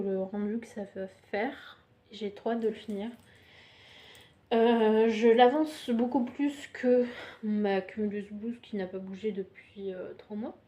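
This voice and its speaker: A woman's voice: on the high side, mellow. A young woman casually presenting her knitting projects on camera, hesitant and full of fillers, chatty and self-mocking. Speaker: knitting podcaster.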